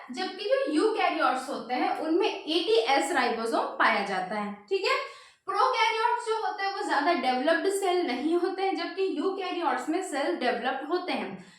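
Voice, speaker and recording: A woman's voice: very high-pitched, fairly bright tone. A woman teaching biology for exam prep, asking questions and answering them herself. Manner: repeats "ठीक है" often. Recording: very echoey room.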